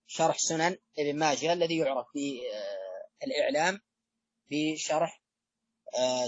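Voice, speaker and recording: Speaking on hadith studies, a man with a husky, slightly breathy voice pitched a little high delivers a measured lecture. He frequently stalls on long fillers and starts phrases over. The sound is close, dry and nearly free of room echo, though slightly dull and muffled.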